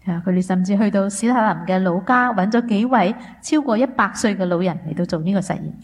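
A woman's voice: medium pitch, brisk. Woman steadily interpreting a sermon. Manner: steady, fluent, with small filler sounds.

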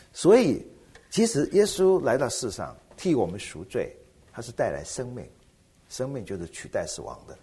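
A middle-aged man, a pastor, preaching a sermon with animated rhetorical questions. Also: medium pitch, breathy edge.

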